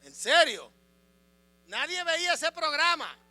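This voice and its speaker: A man preaching a sermon as a pastor, swinging between loud proclamation and quiet asides, asking the congregation questions. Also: extremely high pitch, sing-song, slow, no echo. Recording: music and mains hum behind.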